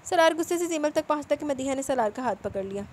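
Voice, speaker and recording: तेज़ रफ़्तार में उपन्यास पढ़ती औरत. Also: female voice, sits high, animated, fast talker, darkish tone, a little hiss or hum. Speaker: novel narrator. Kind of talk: scripted narration of a novel.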